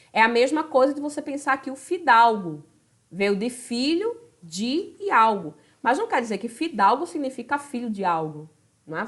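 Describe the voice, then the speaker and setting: A woman with a Brazilian Portuguese accent teaching a grammar lesson, talking straight to her students and checking in with them often. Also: fairly high pitch. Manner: chatty, addresses students directly with tag questions. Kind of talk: recorded video lesson.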